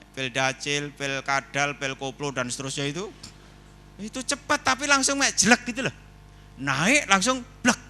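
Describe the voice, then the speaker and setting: A man giving a lively, humorous seminar talk indoors, telling stories and putting questions to the audience. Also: sits high. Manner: animated storyteller, asks the audience questions. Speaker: seminar speaker.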